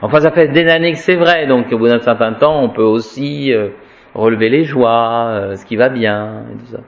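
A man's voice: mid-range voice, normal speed, creaky, muffled recording. A man giving an informal Latin grammar lesson. He talks in a chatty, wry way and drills declensions aloud. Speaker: Latin teacher.

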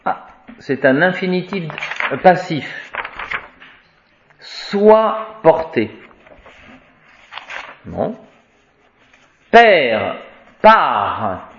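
Man, Latin teacher, chants declensions, slow, echoey lo-fi classroom recording. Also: a little high, big pitch swings, a bit bright. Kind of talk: classroom grammar lesson. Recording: echoey room, dull lo-fi sound.

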